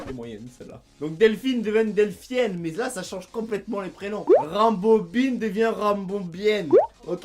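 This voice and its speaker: A young man from France hosts a comedy vlog. He talks playfully, curses freely and keeps trying to copy unfamiliar pronunciations. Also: high-pitched. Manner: playful, swearing, mimicking an accent. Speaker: YouTuber.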